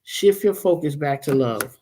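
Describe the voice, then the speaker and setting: A woman's voice: sits low, lively intonation, a little slow, mellow, slight background noise. A woman in her forties, a tarot reader chatting casually and rambling to her livestream viewers. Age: 40s.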